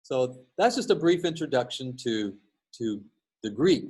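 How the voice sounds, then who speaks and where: A male instructor giving a recorded lesson while sharing his screen, explaining patiently and often pausing on fillers and restarts. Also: mid-range voice, very animated, a little mellow, slightly rough. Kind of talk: recorded lecture with screen share.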